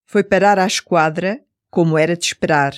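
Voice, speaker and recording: A woman's voice: on the low side, steady tone, moderate pace, dry recording. Dry European Portuguese female story narrator. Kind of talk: scripted story narration for language course.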